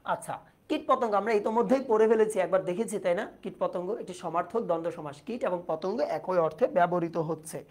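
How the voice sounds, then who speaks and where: A woman's voice: lowish voice, brisk, darkish tone. A woman teaching an online exam-prep lesson. She explains patiently, asks the students questions and reads out their comments.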